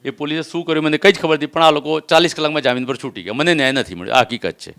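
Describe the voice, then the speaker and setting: Insistent man, fast and clear. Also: a little high, a bit bright. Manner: insistent, swears oaths, reenacts threats. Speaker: complainant doctor. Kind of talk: emotional testimony.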